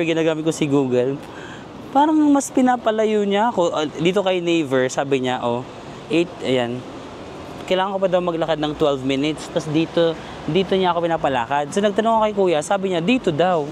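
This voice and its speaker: A man's voice: a little high, a little fast, slight background noise. Chatty man with a Filipino accent. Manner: chatty, self-mocking, laughs often. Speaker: travel vlogger. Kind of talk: casual travel vlog. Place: outdoors in a city park at night.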